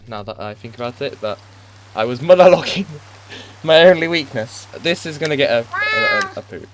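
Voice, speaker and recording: A gaming YouTuber with a medium-pitched voice chats and rambles through casual gameplay commentary on a headset mic, joking at his own expense and restarting often. The audio is very noisy, with game music playing behind him.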